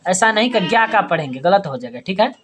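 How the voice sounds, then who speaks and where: A woman teacher explaining word meanings and spelling out words slowly, syllable by syllable, with frequent checking questions. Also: mid-range voice, very animated, slight background noise. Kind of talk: classroom lesson.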